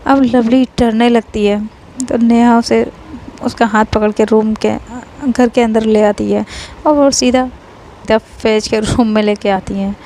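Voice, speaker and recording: A woman narrating a romance story in a casual, unhurried way, pausing often. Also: on the high side, fairly even intonation, dark tone, slight background noise, rough recording. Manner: plain, unhurried retelling with pauses.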